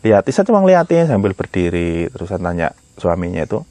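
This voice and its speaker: A man's voice: sits low, sing-song, fast talker, mellow, no echo. Dry-voiced man telling a story casually. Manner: rambling, repeats phrases, conversational asides. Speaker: storyteller recounting healing experiences.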